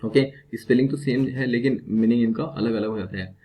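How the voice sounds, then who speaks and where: A man's voice: medium pitch, steady tone, brisk, mellow. An Indian man with an accent teaching a vocabulary lecture, who keeps asking questions and then answering them himself. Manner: asks and answers his own questions. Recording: dull lo-fi sound with faint hiss.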